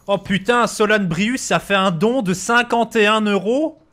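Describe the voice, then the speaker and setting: A man streaming a game live, talking to chat and friends, excitable and swearing often. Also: sits high, unhurried. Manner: excitable, swears a lot, shouts when laughing.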